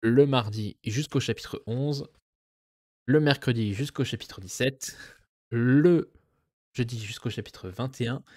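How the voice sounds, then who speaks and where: A man's voice: medium pitch, a little slow, long pauses, a little mellow, no echo, studio quality. A man chatting casually about his monthly reading plans, rambling with many fillers and restarts. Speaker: booktuber; web developer. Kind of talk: casual book chat.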